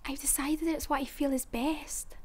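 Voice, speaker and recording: A young woman with a northern English accent, played by an actress, speaks in a high voice. She talks haltingly and keeps repeating herself as she tries to end a relationship. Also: fairly even intonation, close to an everyday voice. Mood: awkward. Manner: hesitant, repetitive. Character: young woman breaking up with her boyfriend.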